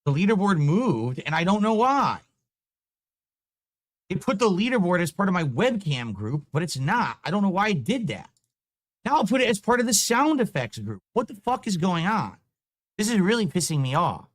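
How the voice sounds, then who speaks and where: A young man streaming live, chatting casually and getting frustrated and swearing while fixing his stream software. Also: high-pitched, very animated, normal speed, no echo, studio quality. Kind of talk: casual livestream chat.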